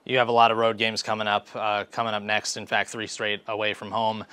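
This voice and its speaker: Young male interviewer, fast flat delivery, bright crisp voice, lapel mic. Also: on the low side, no room sound. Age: young adult. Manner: brisk broadcaster delivery. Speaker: sports network interviewer. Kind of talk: post-game interview hosting. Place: indoor press backdrop. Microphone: clip-on lapel mic.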